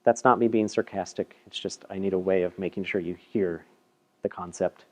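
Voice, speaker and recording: A man's voice: low-pitched, fairly even intonation, normal speed, a little mellow. A man giving a casual, chatty technical talk at a meetup, presenting a paper with self-deprecating asides and frequent repeated words. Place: meetup room.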